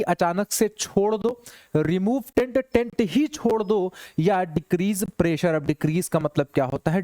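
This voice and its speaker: Male teacher, chatty and teasing, fond of rhetorical questions, pitched slightly high. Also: a little mellow, dry recording, clean studio sound. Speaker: English teacher. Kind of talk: classroom exam-prep lecture. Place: classroom with students.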